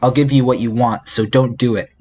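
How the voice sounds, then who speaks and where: A strained young man standing up to his captors, read by a man in his own middle-pitched voice. He sounds tense and defiant. Dull lo-fi audio with faint music underneath. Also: steady tone, brisk, darkish tone, lightly acted.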